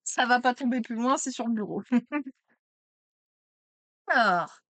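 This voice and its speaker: A woman streaming a card opening, chatty and excitable, exclaiming over each card. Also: on the high side, takes it slowly, dry recording. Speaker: streamer opening trading cards. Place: at home desk.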